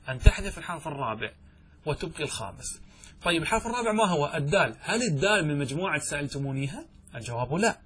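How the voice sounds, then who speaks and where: Husky fast-talking man teaching grammar. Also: on the high side, a bit bright. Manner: explains step by step, quizzes students with questions. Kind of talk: classroom lecture.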